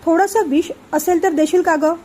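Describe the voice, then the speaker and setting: A sulky young husband, fed up and melodramatic, read out by a woman narrator. The voice sits high and light for a man. It is told in a storybook reading. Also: fairly even intonation, normal speed, warm tone. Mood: aggrieved. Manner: melodramatic, rhyming complaints.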